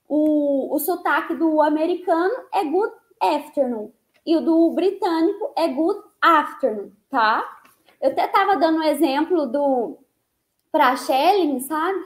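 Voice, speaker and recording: A woman from Brazil teaching a live online English lesson, explaining slowly, repeating words and checking in with her listeners. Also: very high voice, expressive, roomy sound.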